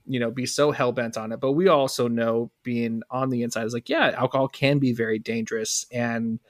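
A man's voice: medium pitch, steady tone, a little fast. A man co-hosting a podcast, easygoing and chatty, telling stories with many restarts. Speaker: podcast co-host. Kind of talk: casual podcast chat.

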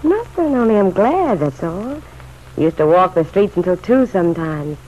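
In an old radio drama, an actress plays an anxious, world-weary working-class woman, pleading in colloquial speech with a hurt yet hopeful mood. Her voice is on the low side, dark and sing-song at normal speed, and the recording is muffled and noisy.

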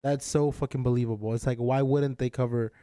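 A man co-hosting a podcast in casual, rambling chat, swearing and clearing his throat often. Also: medium pitch, steady tone, brisk, mellow, dry recording, studio quality. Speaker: podcast co-host.

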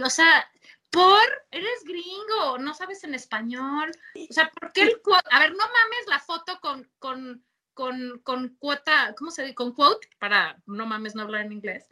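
A Mexican woman co-hosts a casual podcast with friends. Her voice is high and very bright. She tells stories full of slang and laughs often. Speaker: podcast co-host. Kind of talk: casual chat.

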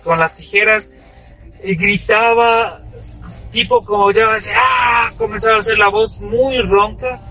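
Man, high-pitched voice, first-person horror story, halting and shaken. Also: sharp tone, low-quality recording. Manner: halting, shaken retelling with many restarts. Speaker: storyteller sharing a personal experience.

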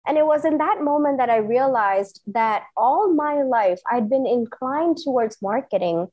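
As an interview guest, a woman in her thirties who grew up in Singapore tells the story of her own path with earnest enthusiasm. Her voice is a little high, expressive and slightly mellow, and she speaks a little slowly, leaning on emphatic repetition.

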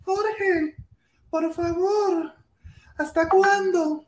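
Nagging woman, man's put-on voice, high, slow, exasperated whine. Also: steady tone, echoey room, heavily acted. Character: nagging woman scolding her partner.

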